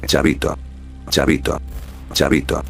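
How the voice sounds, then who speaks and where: A deep synthetic male voice reading the lines of a small, frightened, crying girl in a level tone. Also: completely flat delivery, measured pace, creaky, soft background music, exaggerated voice.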